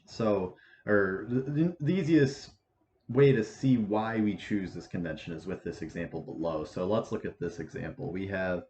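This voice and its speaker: A man in his twenties explains math in a casual, halting way, often restarting his phrases. His voice sits low, and the recording sounds dull and lo-fi with a roomy echo and a faint hiss behind it. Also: darkish tone. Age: 20s. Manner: halting, many restarts and fillers. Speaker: math teacher. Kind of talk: casual lecture.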